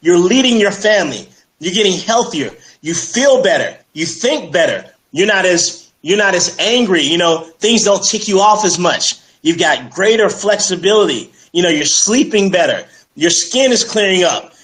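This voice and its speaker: Upbeat fitness coach man, fairly high voice. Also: normal speed, poor audio. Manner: energetic, persuasive, many fillers like "you know". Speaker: fitness coach, interview guest. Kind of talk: casual interview on a live stream.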